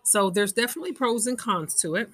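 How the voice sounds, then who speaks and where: A woman hosting her own podcast in an easy, chatty way. She sounds animated and laughs often. Her voice is a little breathy and husky. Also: on the high side, fast. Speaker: podcast host. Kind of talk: casual solo podcast chat.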